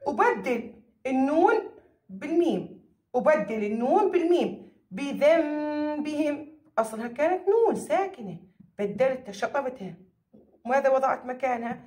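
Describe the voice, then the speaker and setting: Jordanian woman teacher, high voice, repeats key phrases, asks and answers herself. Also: sing-song, fairly quick, long pauses, darkish tone. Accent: Jordanian Arabic. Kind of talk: recorded classroom lesson. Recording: echoey room.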